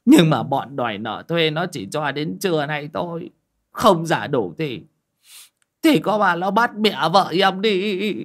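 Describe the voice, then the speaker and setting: A man's voice: on the low side, big pitch swings, unhurried, pauses often, fairly bright tone, slightly rough, full character voice. A male narrator voicing a desperate bald old man who begs for a loan, stammering and close to tears. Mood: tearful pleading. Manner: stammering, whining plea. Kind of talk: audiobook character voice.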